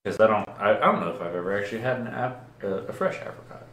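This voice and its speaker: A young man co-hosting a beer review, chatting in a relaxed, joking way and swearing now and then. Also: fairly low pitch, quick pace, a little hiss or hum. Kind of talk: casual chat. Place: room with a table, indoors. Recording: echoey room.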